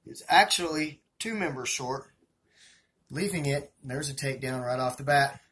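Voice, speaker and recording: A man's voice: medium pitch, normal speed, fairly bright tone, slight background noise. Southern-accented man narrating a hobby video. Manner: chatty, addresses viewers as guys, rambling asides. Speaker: hobbyist scorpion and tarantula keeper. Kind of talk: casual feeding-video narration.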